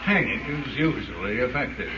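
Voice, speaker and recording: An actor playing a suave, wry gentleman sleuth with urbane, theatrical delivery in 1930s radio style. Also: mid-range voice, expressive, normal speed, over music, natural voice. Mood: dismissive, pondering. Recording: muffled, hissy 1930s radio recording.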